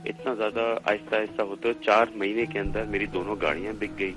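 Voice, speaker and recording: Middle-aged man, from Pakistan, lowish voice, animated storytelling, radio broadcast with music underneath. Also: fast. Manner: animated, acts out family members' lines. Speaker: caller telling a haunting story. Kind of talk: casual storytelling.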